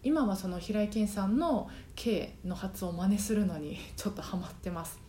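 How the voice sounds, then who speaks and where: Speaking at a moderate pace in a mid-range, mellow voice, this woman is expressive as she chats through her solo podcast at home in her apartment. She's a singing trainer who uses plenty of fillers and sings brief phrases as examples. The sound is roomy, with slight background noise.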